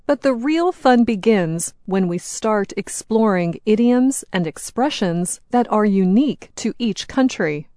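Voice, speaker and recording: A middle-aged woman with an American accent reads an educational script at an unhurried, careful pace. Her voice sits in a middle register, and every word comes through clearly. The recording is close and dry, with no room sound. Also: medium pitch, expressive, warm tone, no echo. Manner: slow, clear and deliberate. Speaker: program host.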